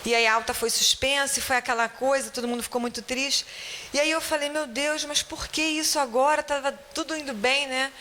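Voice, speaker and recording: A Brazilian woman shares a personal testimony with a church class, chatting through it with constant tag questions. Her voice is bright and pitched a little high, with a faint hiss under it. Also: fairly even intonation, fairly quick. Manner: conversational storytelling, frequent tag questions. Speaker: Bible-school teacher.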